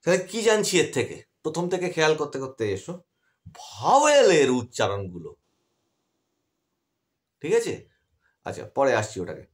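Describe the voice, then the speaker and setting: Male tutor, animated pitch, patient explainer, asks students questions. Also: moderate pace, pauses often. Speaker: English grammar teacher. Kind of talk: explanatory online lesson.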